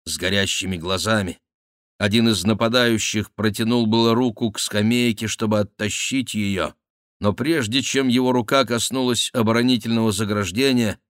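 A man narrating an adventure novel as an audiobook, steady and measured. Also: lowish voice, no room sound, clean studio sound.

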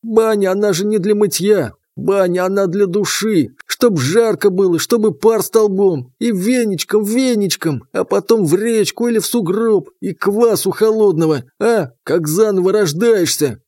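A man's voice: sits high, animated, moderate pace, dark tone, no room sound, pitched above the performer's own voice. Man putting on a fussy, eager bathhouse spirit. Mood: wistful. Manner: earnest, enthusiastic, pleading.

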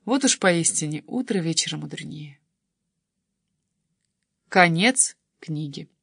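A woman narrating a first-person audiobook in an expressive, measured storytelling manner. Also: low-pitched, vocal fry, breathy edge, dry recording, studio quality. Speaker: audiobook reader.

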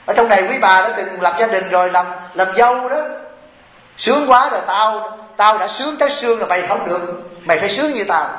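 A man's voice: high voice, a bit bright, roomy sound. A man, a Buddhist monk and abbot giving a humorous dharma talk to lay followers and often asking them "right?".

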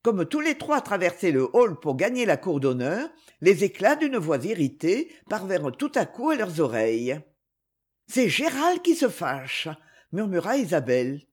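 A woman reading a classic novel aloud as its narrator, in a measured, expressive style. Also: on the low side, husky. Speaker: audiobook narrator. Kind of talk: scripted narration.

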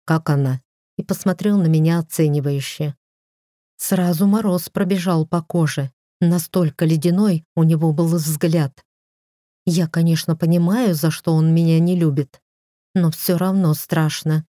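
A woman reading a first-person novel as an audiobook, in an even, measured way. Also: sits low, dry recording, clean studio sound. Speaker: audiobook reader.

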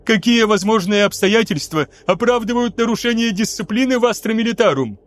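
Guy doing a shrill frantic coward officer, high and whiny, spooked and pleading. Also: animated, brisk. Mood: indignant. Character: panicky cowardly young male officer.

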